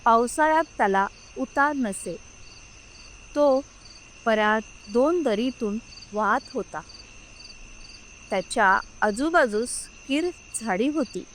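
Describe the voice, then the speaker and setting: A woman narrating a scripted story in a slow, measured, solemn reading. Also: on the high side, lively intonation, a bit bright, slight background noise.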